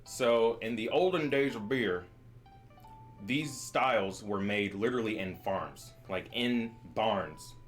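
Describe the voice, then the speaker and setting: A man's voice: lowish voice, slow, faint music behind. A young man who works as a brewer, casually explaining beer styles with jokes. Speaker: brewer leading a beer tasting. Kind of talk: casual chat.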